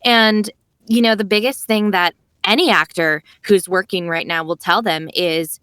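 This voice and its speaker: A young adult woman, a voice actress, is a guest on a casual podcast interview, chatting in an animated, loose way and filling her sentences with lots of "like" and "you know". Her middle-pitched voice is clear and resonant at a normal speed, recorded close and dry with no room sound.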